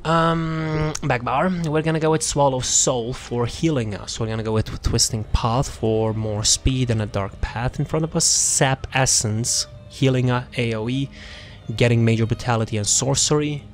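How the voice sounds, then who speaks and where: At a moderate pace and in a mid-range voice, a man hosts a gaming video, chatting casually through a character build. His commentary rambles, interrupts itself, and often trails off.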